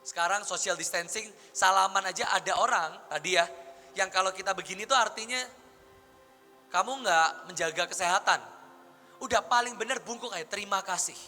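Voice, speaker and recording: A male pastor teaching a church audience in a lively, conversational preaching style, full of rhetorical questions. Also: high voice, brisk. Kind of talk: sermon teaching. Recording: long hall reverb with faint music.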